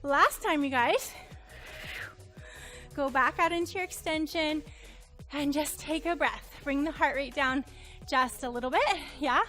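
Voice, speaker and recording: Woman, Pilates instructor, high voice, slow measured cues, slightly breathless, soft music behind. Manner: encouraging, counts reps aloud. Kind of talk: cueing a workout class.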